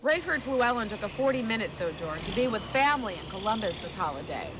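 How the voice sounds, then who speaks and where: A female news reporter narrates a scripted package at a middle to high pitch. Clear outdoor traffic noise runs behind her. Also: very animated, fast talker.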